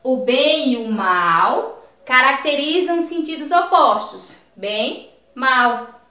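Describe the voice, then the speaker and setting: A woman teacher explaining a lesson slowly and patiently, stretching key words and checking in with short questions to the listener. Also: high-pitched, animated, bright, forceful tone. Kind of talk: recorded lesson. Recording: echoey room.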